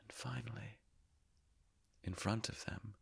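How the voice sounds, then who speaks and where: An actor playing the Higgs boson as a calm, all-knowing narrator, telling his story in a measured way and sinking often into hushed whispers. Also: fairly low pitch, gravelly, slightly rough, full character voice. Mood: hushed awe. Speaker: actor performing a stage monologue. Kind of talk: theatrical monologue.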